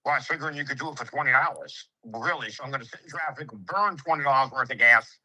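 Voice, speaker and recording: A man's voice: medium pitch, quick pace, pushed and bright, poor audio. A brash man, a home improvement contractor lecturing in casual, streetwise talk with swearing and acted-out quotes. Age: 50s. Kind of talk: casual sales conversation.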